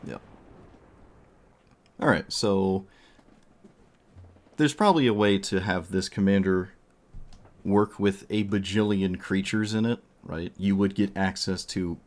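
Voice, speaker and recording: A man's voice: sits low, takes it slowly, pauses often. A man streaming a card game, thinking aloud in casual commentary while losing his voice.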